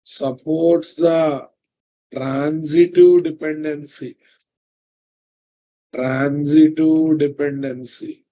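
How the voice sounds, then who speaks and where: Indoors at a computer, a middle-aged man with a Telugu Indian accent runs a live online programming class, speaking extremely slowly with long pauses in a fairly high, fairly even, warm voice. The audio is poor. As he dictates notes he repeats phrases and puts questions to the class.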